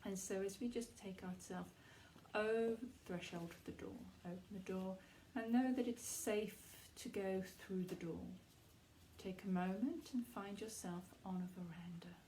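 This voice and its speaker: A woman guides a meditation, offering soft, unhurried instructions in a soothing, reassuring way and pausing between phrases. Her pitch is medium and her tone steady, with a faint hiss or hum in the recording.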